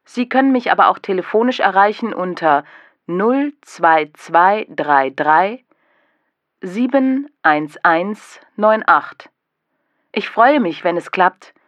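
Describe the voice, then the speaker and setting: A woman calling and leaving a message on an answering machine, reading out numbers slowly and clearly. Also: medium pitch, lively intonation, dry recording. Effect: message left on an answering machine. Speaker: caller. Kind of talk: scripted voicemail message. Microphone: telephone. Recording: dull lo-fi answering machine tape.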